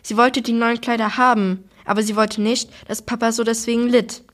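A woman reading a children's novel aloud in steady storytelling. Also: fairly high pitch, moderate pace.

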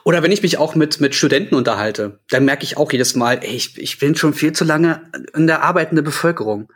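A man in his thirties on a podcast, talking earnestly in casual chat and pausing on fillers as he searches for words. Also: fairly high pitch, a bit bright, breathy edge. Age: 30s. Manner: earnest, hesitant with many fillers. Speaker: podcast co-host.

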